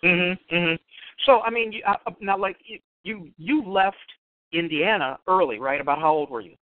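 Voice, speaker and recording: A man's voice: sits high, moderate pace, dry recording. A man from Chicago's South Side hosting a radio interview, with a learned general American newscaster accent and a chatty, rambling manner full of restarts. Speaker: radio host. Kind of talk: casual interview. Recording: dry phone-line audio.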